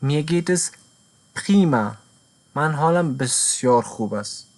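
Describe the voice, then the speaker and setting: Lively language teacher. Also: mid-range voice. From Afghanistan. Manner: says German phrases slowly word by word, explains quickly in Dari. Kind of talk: German lesson with Dari explanations.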